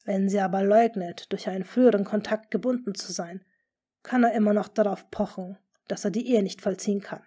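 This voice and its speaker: A woman voicing a scheming noble duke in an audiobook, speaking smoothly and often in a hushed, half-whispered tone. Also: mid-range voice, fairly even intonation, natural voice. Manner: smooth, measured. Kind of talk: audiobook character reading.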